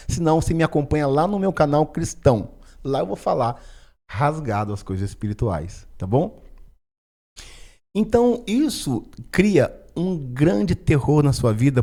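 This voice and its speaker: Man, pastor, mellow tone, mid pitch, conversational teaching, microphone close. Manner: conversational, frequent "né?" and "tá?" tags. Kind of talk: casual video teaching on spiritual topics. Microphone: microphone in front of him.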